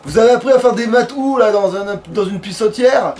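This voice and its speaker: Here the let's player's voice is high-pitched and a little mellow, moving fairly quickly. He keeps up casual commentary full of swearing, often muttering to himself mid-game, with clear background noise throughout.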